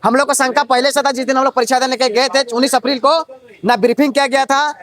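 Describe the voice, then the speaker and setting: A young male exam candidate from Jharkhand speaks in a street interview. His voice sits very high and he talks quickly, piling up indignant rhetorical questions. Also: steady tone, a bit bright.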